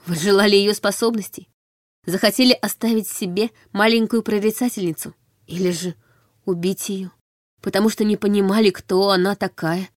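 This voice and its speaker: A woman reading a first-person audiobook in a measured, steady storytelling manner. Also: mid-range voice, no room sound, studio quality. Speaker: audiobook narrator.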